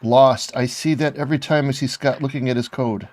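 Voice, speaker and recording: A man's voice: mid-range voice, fairly even intonation, a little fast, darkish tone, soft background music. A man in casual chat who jokes, swears and laughs a lot. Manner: joking, laughs often, swears. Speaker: co-host.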